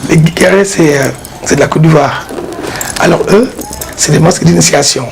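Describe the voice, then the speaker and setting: A man, an art dealer and collector, explaining his pieces in a casual interview, halting and repeating words as he goes. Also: a little high, gravelly. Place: exhibition hall with his collection. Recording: noisy background hiss.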